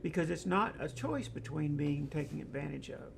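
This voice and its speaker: A man's voice: a little high, lively intonation, normal speed, vocal fry, noisy background. A middle-aged man hosting an online discussion show, talking casually and reading out viewer comments, rambling with many fillers and stories.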